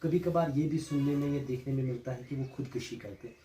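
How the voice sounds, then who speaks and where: A man interviewing a guest, asking measured, formal questions. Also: mid-range voice, warm tone. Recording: echoey room with faint noise.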